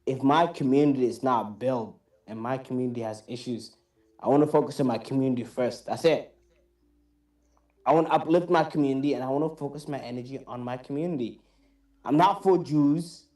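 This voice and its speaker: A man's voice: mid-range voice, fairly quick, warm tone, echoey room, distant mic. A half Somali, half American man on a heated debate panel who keeps pleading for respect and tagging "right, brother?" onto his points.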